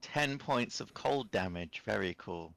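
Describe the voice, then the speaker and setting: Gravelly low-voiced game master. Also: male voice, lively intonation, unhurried, fairly bright tone, no echo. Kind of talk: casual tabletop game play.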